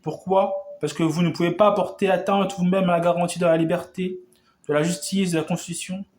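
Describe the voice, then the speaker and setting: Guy reading out an old revolution speech like an orator, kinda high voice, keeps tripping and restarting words. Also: fairly even intonation, a little fast, darkish tone, a little hiss or hum. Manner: oratorical, with frequent stumbles and restarts. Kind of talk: declaiming a historic revolutionary speech.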